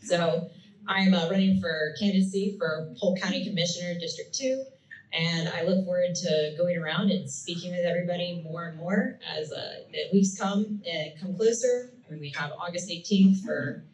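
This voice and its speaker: A woman's voice: fairly low pitch, moderate pace, a little mellow. A woman giving an earnest campaign speech at a candidate forum, now and then correcting herself. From Florida, USA. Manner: earnest, occasional self-corrections. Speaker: county commission candidate. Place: meeting room at a club event. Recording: echoey room, distant mic, faint noise.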